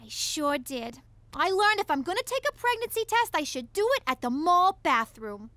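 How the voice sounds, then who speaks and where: A woman's voice: sits high, big pitch swings, normal speed, sharp tone, no echo, heavily acted. A woman voicing a spoiled, dim, dramatic daughter in an adult cartoon. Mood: sheepish.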